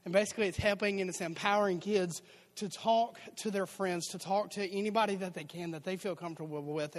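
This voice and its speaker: A man, a youth and children's pastor giving upbeat, joking church announcements. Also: fairly high pitch. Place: church auditorium.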